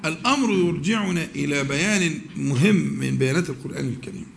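A man with an Egyptian accent teaching a religious lesson, asking his students questions and pausing often to find words. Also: a little high, lively intonation, gravelly, slight background noise. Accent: Egyptian Arabic. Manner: questions the audience, with many drawn-out pauses and restarts.

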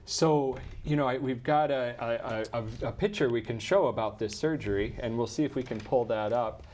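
A man's voice: mid-range voice, normal speed, a little mellow, a little hiss or hum. A man, a primary care doctor, hosting a medical call-in show, chatting with guests and reading out how to send questions. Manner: friendly, conversational, reads call-in details.

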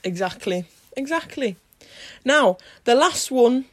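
A woman's voice: high voice, animated, slow. A woman in her twenties hosting a casual, conversational interview. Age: 20s. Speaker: host interviewing a grandparent. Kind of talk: casual chat.

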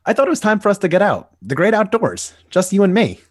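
A man's voice: sits high, huge pitch swings, quick pace, dry recording, clean studio sound, pitched above the performer's own voice, heavily acted. Nightwing, a man playing a cocky hero. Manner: teasing, easygoing big-brother banter. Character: Nightwing, cocky young adult male hero. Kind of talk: dramatic comic reading.

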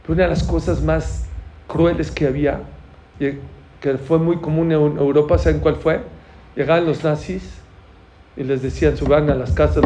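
A man's voice: on the high side, warm tone. A man giving a sermon to young people in an auditorium, telling stories, acting out dialogue and asking the audience questions. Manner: storytelling, acts out dialogue, asks the audience questions. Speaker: religious teacher. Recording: dull lo-fi recording, faint noise.

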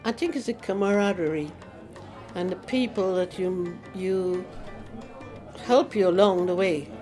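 A woman in her eighties from Guyana, chatting in an interview about her life, with easy laughs and halting restarts. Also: lowish voice, mellow, soft background music. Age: 80s. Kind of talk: casual reminiscing interview.

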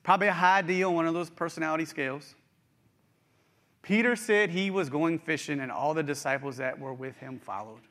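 A man's voice: on the high side, a little fast, a bit bright. A middle-aged man with a West Virginia accent giving a sermon in a conversational, folksy way, speaking straight to his listeners. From West Virginia, United States. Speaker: preacher.

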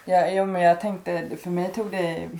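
A woman's voice: on the low side, level tone, vocal fry, mellow. A woman in her thirties hosting a podcast, talking thoughtfully and hesitantly as she feels her way through what she wants to say. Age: 30s. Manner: thoughtful, hesitant, many fillers and restarts. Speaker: podcast host. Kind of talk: casual conversation.

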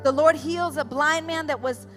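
Very high-voiced woman interpreting a sermon. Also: measured pace, soft background music. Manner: energetic, echoing the preacher phrase by phrase.

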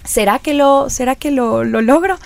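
A woman's voice: normal speed, vocal fry, dry recording. A woman radio presenter in her thirties telling her story in a casual interview, acting out the dialogue she recalls. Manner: lively, acts out quoted dialogue with rising pitch.

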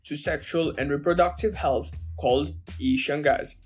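A woman's voice: low-pitched, normal speed, slightly rough. Woman host, mock-robotic scripted intro over faint music. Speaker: podcast host.

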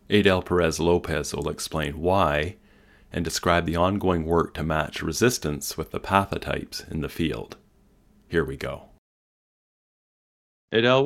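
A man hosting a podcast, reading a scripted intro and asking his guest measured, friendly questions. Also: rumbling low, vocal fry. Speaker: podcast host.

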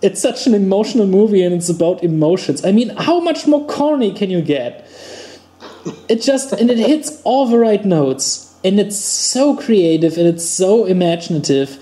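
Young German man, podcast co-host, eager rambler, slightly high, warm mellow tone. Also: expressive, moderate pace. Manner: enthusiastic, rambling with many restarts and fillers. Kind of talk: casual chat.

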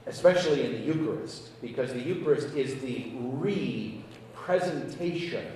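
A man's voice: medium pitch, animated, normal speed, a little mellow, a little hiss or hum. A man, a pastor, preaching a sermon and telling a story in an earnest way, acting out the conversation with emphatic rises. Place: large church. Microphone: handheld mic. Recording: echoey church hall, distant mic.

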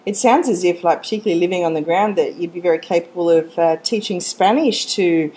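A woman's voice: fairly low pitch, fairly quick, dark tone, breathy edge, low-quality recording. A woman interviewing a guest in a casual, conversational style. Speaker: podcast host, interviewer.

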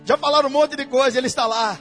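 A Brazilian man preaching in a church with a very high voice. He keeps the sermon casual and full of slang and speaks straight to the congregation. Soft music plays behind him. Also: fairly even intonation, fast. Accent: Brazilian Portuguese. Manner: casual, slangy preaching that addresses listeners directly.

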